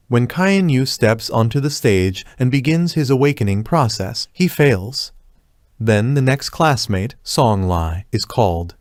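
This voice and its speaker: A man narrating a scripted story recap in an even, steady way. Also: medium pitch, no room sound, clean studio sound.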